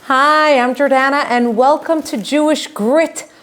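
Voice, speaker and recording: Bubbly woman podcast host, slightly high voice. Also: a bit bright. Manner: bubbly, laughs often, quick to react. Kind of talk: casual interview chat.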